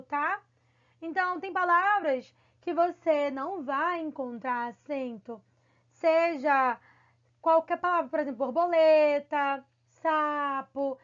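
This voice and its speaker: Woman teacher, high voice, warmly encouraging pupils in an online lesson; muffled lo-fi sound. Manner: encouraging, affectionate, repeats "tá bom?". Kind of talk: recorded online lesson for children.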